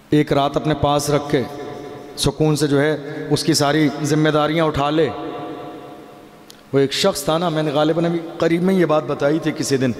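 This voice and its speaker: A man from India, a mufti, preaching a sermon to a gathering, telling a story with emphatic rhetorical questions. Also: on the high side. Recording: echoey hall reverb.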